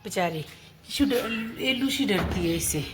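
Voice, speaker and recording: A woman's voice: mid-range voice, lively intonation, unhurried, background noise. A woman casually narrating outdoors as she films, chatting away and cooing at her dogs in a sing-song voice. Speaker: vlogger filming her pet dogs. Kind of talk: casual narration while filming. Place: outdoors around her home and garden.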